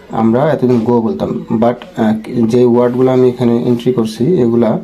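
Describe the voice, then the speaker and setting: A man's voice: mid-range voice, warm tone, low-quality recording. A man teaching a spoken English lesson, patiently explaining and repeating each word and checking that the listener follows.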